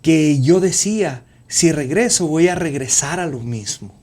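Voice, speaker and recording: A man in his forties giving an earnest, halting personal faith testimony as a podcast guest, with frequent fillers. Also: on the high side, animated, darkish tone. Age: 40s. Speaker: podcast guest, youth minister.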